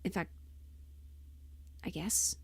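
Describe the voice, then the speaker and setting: Speaking slowly in a dry recording, this livestream host and amateur voice performer rambles through an informal, casual chat. She mutters little asides to herself while thinking out loud.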